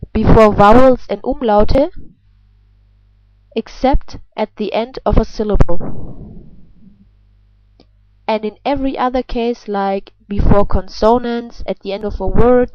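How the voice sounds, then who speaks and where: Female language teacher, native German with German accent, slow measured delivery, throaty R demonstrations, dull lo-fi recording. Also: on the high side. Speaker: pronunciation teacher. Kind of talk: instructional language lesson. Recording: dull, lo-fi sound.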